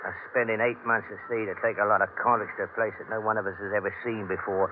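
A man's voice: on the low side, little pitch movement, fast talker, natural voice. A man playing a cynical, grumbling ship's mate. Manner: gruff, complaining. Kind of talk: 1940s radio acting. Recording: tinny old radio broadcast, noisy.

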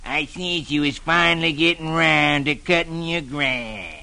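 A man's voice: fairly high pitch, unhurried, creaky, sharp tone, heavily acted. A man voicing a gloomy, grumbling male buzzard with a moaning, growly manner. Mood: grumpy.

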